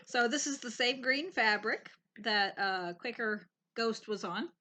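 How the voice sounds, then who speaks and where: A woman co-hosting a casual stitching chat, wry and quick to laugh. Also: a little high, bright, forceful tone. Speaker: co-host.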